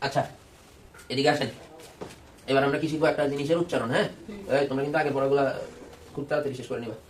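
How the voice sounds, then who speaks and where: A man's voice: medium pitch, fairly even intonation, racing. A man teaching English pronunciation to a class of children, strict and drilling words over and over. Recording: roomy classroom from far off. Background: children chattering.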